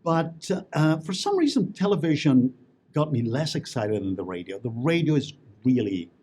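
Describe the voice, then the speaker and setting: A man's mid-range, slightly mellow voice with big pitch swings comes at normal speed, with slight background noise. He's a guest in a casual interview, telling stories in a chatty way with plenty of fillers and restarts.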